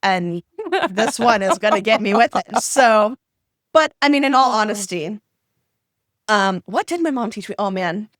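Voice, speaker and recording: A woman's voice: medium pitch, animated, a little slow, fairly bright tone, dry recording, clean studio sound. A young adult woman co-hosting a podcast, chatting casually in a giggly, rambling way. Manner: giggly, rambling, self-mocking. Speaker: podcast co-host. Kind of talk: casual chat.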